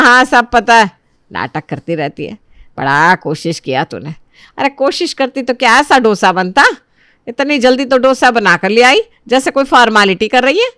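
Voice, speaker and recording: A woman voicing a nagging, sharp-tongued older mother-in-law who scolds and taunts. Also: sits low, no room sound, clean studio sound, voice pushed down.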